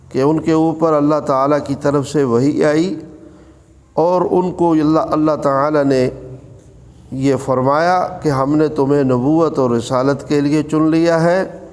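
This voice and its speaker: A man giving a religious lesson, explaining scripture in an unhurried, measured way and chanting verses between his paraphrases. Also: on the high side, darkish tone, long reverb tail. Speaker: Quran teacher.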